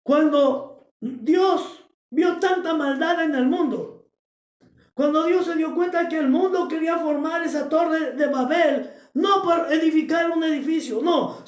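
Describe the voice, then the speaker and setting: A male pastor, preaching a sermon with passion, shouting for emphasis and repeating his phrases. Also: extremely high pitch, echoey room, muffled recording.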